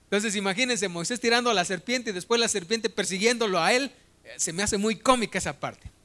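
A man's voice: sits high, a little fast, bright, forceful tone. A man preaching a sermon, retelling a Bible story in a conversational, humorous way.

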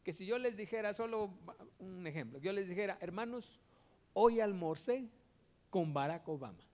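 A man's voice: high voice, expressive, normal speed, darkish tone. A man preaching in a conversational way, asking the audience rhetorical questions.

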